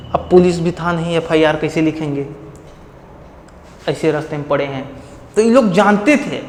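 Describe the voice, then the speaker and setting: A man's voice: high voice, roomy sound, long reverb tail, a little hiss or hum. A man from India teaching an exam-prep history lesson, quizzing his students by repeating each key fact as a question and giving memory tricks.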